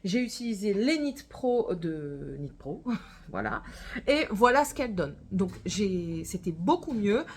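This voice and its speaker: A woman's voice: mid-range voice, very animated, a little slow, slight background noise. A woman with a northern French accent tinged by Gironde, chatting casually to camera about her knitting, rambling with many hesitations. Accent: northern French with a touch of Gironde. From northern France. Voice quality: rambling, full of hesitations and self-corrections. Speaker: knitting podcaster.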